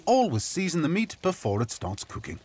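A man's voice: fairly high pitch, huge pitch swings, fairly quick, background noise. Cheerful middle-aged man narrating a cooking show. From United Kingdom. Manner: cheerful and conversational. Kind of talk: voice-over narration.

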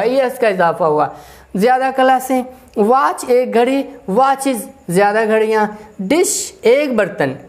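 A woman teaching an English grammar lesson, explaining slowly, repeating herself and spelling words out letter by letter. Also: on the high side, a little mellow. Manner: slow, repetitive, spells out letters one by one.

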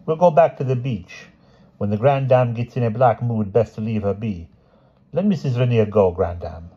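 A man doing a gentle, apologetic young woman. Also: medium pitch, expressive, normal speed, husky, muffled recording. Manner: soft, respectfully reproving.

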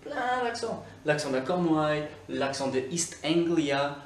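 A Scottish man whose first language is English, an online English teacher giving an animated, coaching video lesson with lots of repetition. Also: on the high side, measured pace, slight background noise. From Scotland. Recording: echoey room, mic at a distance.

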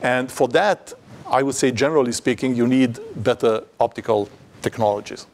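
Middle-aged male lecturer, steady mid-range voice, halting delivery, frequent restarts, lapel mic in a lecture hall. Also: mid-range voice. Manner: halting, many restarts and fillers, dry humor. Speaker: invited seminar speaker. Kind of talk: academic lecture. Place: lecture hall, standing at a projected slide.

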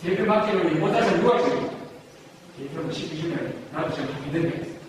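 A man's voice: a little high, animated, brisk. A man giving a lecture to staff as a professor, acting out scolding and praising phrases in a theatrical way. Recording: distant echoey hall with noise.

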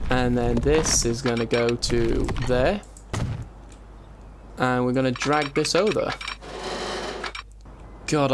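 A man with a medium-pitched voice hosts a let's play, offering casual, rambling commentary as he thinks aloud and keeps interrupting himself. The voice-over is recorded on a compressed desktop microphone. Keyboard typing and faint room noise can be heard throughout.

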